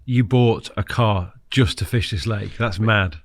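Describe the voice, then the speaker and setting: Low-voiced man, casual interviewer. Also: a little slow, no echo, studio quality. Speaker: podcast host, interviewer.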